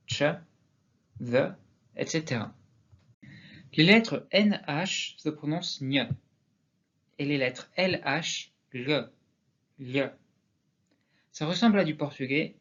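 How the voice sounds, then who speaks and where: A man with a fairly high voice talks through a scripted pronunciation lesson in a clear, methodical way. He pauses to sound out example words one at a time. The recording is dull and lo-fi. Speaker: language teacher.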